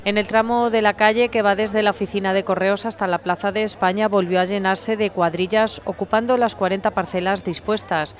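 A news reporter reading a scripted voice-over report in an even, measured delivery. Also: medium pitch.

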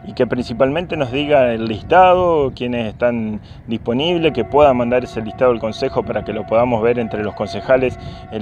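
In an outdoor interview, an Argentine city councillor in his forties, with a mid-range voice and Argentine Spanish accent, speaks earnestly and insistently, often restarting his phrases. He stands in an open field by a paved street, filmed by a camera at close range, with wind and traffic noise in the background.

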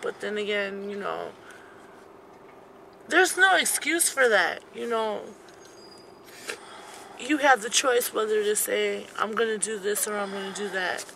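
Young woman in a car getting interviewed, blunt and sweary, gravelly voice, bit of noise. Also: medium pitch, a little slow, long pauses, bright, forceful tone. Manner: blunt, streetwise, profane. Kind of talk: candid street interview. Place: back seat of a parked car. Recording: noisy car interior recording.

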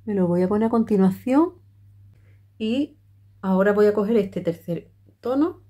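A woman's voice: mid-range voice, expressive, moderate pace, dark tone. A middle-aged woman, chatting her way through a makeup tutorial with many fillers and restarts. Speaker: makeup vlogger.

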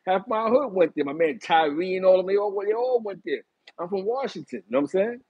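A middle-aged man from East Harlem with a New York accent, telling stories in a casual chat from a small room, animated and talking with his hands. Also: sits high, fairly quick, slightly rough, dry recording, highs cut off. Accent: New York City. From East Harlem, New York City. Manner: animated, gestures a lot while reminiscing. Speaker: host. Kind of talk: casual storytelling to a live chat. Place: small bright room indoors.

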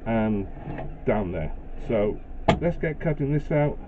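A man's voice: lowish voice, sing-song, slow pace. Chatty man in a tinny workshop recording. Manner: chatty, hesitant with fillers. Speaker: woodworking channel host. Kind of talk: casual workshop narration. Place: small home workshop, indoors. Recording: tinny phone-like sound with faint noise.

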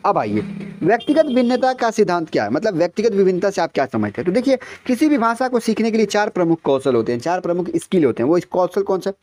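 A man's voice: sits high, sing-song, fast talker, a little mellow, no echo. A young man giving a casual exam-prep lesson, explaining step by step and correcting himself as he goes. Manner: explains step by step, often saying "ठीक है" and addressing viewers as friends; self-correcting, restarts words. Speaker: exam tutor.

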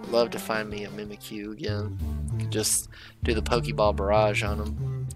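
A young man hosting a let's play, giving excited, casual commentary as he plays. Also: fairly low pitch, normal speed. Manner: excited, casual, reacting aloud. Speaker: gaming channel host. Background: game music.

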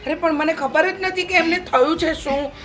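A woman's voice: very high-pitched, moderate pace, fairly bright tone, faint music behind. A woman with a Gujarati accent playing a scheming older mother-in-law who scolds and grumbles, in a short drama. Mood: irritated.

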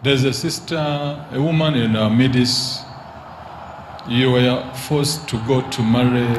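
A male prophet prays and commands spirits out in a slow, measured voice. He speaks into a handheld mic in a big echoing church hall. Faint background noise sits under his voice. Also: mid-range voice, fairly even intonation. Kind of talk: prophetic deliverance prayer. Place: large church hall with crowd.

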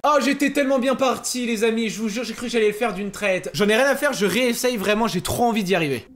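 A man's voice: very high-pitched, fast, crowd noise. A man giving casual let's-play commentary as a gaming YouTuber. He talks to his viewers, swears casually, and shrieks and giggles when startled.

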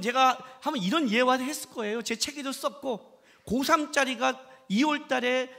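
A man pastor preaching at a worship service, telling a story in lively, animated fashion and acting out the quoted lines. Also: very high-pitched. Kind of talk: sermon.

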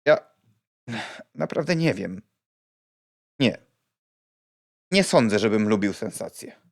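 A man reading an audiobook and voicing a reserved, polite, old-fashioned gentleman with a hesitant, stiff manner. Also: lowish voice, big pitch swings, slow pace, creaky, full character voice.

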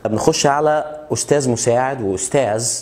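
Egyptian guy teaching english vocab, mid voice, jokey, drags out the english words slow so u can repeat. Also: mid-range voice, a little mellow. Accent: Egyptian Arabic. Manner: slows down and stretches out English words to drill pronunciation; joking, chatty asides. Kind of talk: casual video lesson explaining vocabulary.

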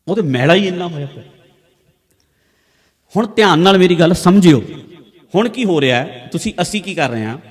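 Punjabi male preacher, higher-pitched voice, conversational repeated teaching lines, long hall reverb. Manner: conversational, repetitive teaching with everyday examples. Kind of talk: religious discourse. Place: large hall with a congregation.

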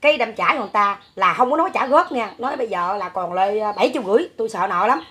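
A woman's voice: medium pitch, animated, rapid-fire, pushed and bright. A woman in her fifties with a Southern Vietnamese accent, telling her story in a rambling way with many fillers. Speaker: interviewee, mother. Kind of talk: casual storytelling.

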